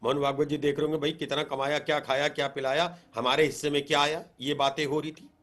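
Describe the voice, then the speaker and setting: A man's voice: fairly high pitch, level tone, fast, a bit bright. A man taking part as a panelist in a heated TV news debate, taunting his opponent and repeating jibes.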